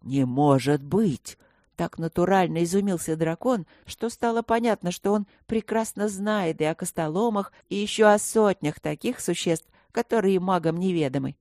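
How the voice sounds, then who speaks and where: A woman reading an audiobook with lively, expressive narration. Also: mid-range voice, moderate pace, few pauses, no room sound, studio quality.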